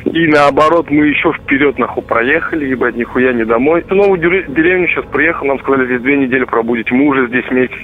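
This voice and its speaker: A man's voice: mid-range voice, quick pace. A young Russian man, a soldier calling home, venting casually and swearing constantly over a radio-like phone intercept. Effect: voice heard over a radio-like phone intercept. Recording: muffled narrowband intercepted phone call.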